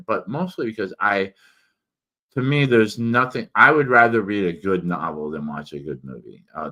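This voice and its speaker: A man giving a casual, rambling book review, halting and correcting himself, his articulation slightly impeded by a swollen mouth. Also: low-pitched, fairly bright tone. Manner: digressive, self-correcting, halting.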